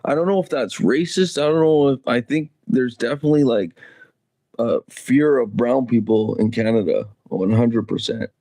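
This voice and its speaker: A man's voice: medium pitch, moderate pace, mellow, no room sound. A man hosting a casual solo livestream, rambling loosely with chuckles and the odd swear word. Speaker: livestream host. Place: Canada.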